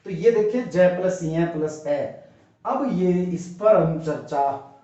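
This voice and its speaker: A man's voice: sits high, animated, slow pace, warm tone. A man teaching an exam class at a whiteboard, explaining step by step and asking rhetorical questions. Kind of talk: whiteboard lesson for exam students. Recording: very echoey room, dull lo-fi sound.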